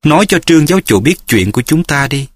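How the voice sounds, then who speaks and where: A frosty young swordswoman , as a male reader puts her on speaks in clipped, formal phrases that keep everyone at a distance. The voice swings widely in pitch but stays dry and close to the mic, like a martial-arts audiobook. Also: big pitch swings, quick pace, no room sound. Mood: cold. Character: cold aloof young swordswoman, sect leader.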